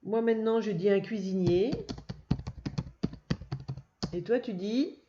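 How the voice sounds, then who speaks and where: Speaking slowly at a medium pitch, a woman who teaches first grade leads a recorded reading lesson for little kids. Her manner is patient and full of frequent praise, though the audio is lo-fi and dull, with a faint noise.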